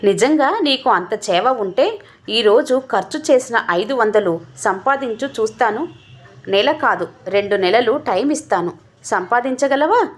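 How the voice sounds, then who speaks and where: A woman's voice: on the high side, lively intonation, measured pace. A woman voicing an angry, scornful husband who scolds and mocks his wife. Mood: mocking. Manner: scolding, mocking.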